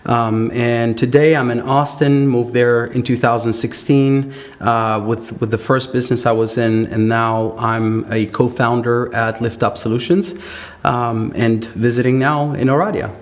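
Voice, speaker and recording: A man's voice: medium pitch, fairly even intonation, measured pace. A man from Romania, a company co-founder, introducing himself on a panel in brief, clipped phrases.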